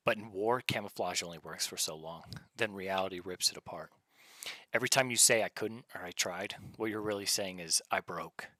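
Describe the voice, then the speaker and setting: Male motivational speaker, lowish and hard-edged, blunt commands in stern military style, dry close sound. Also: pushed and bright, no room sound. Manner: blunt, commanding, short punchy phrases.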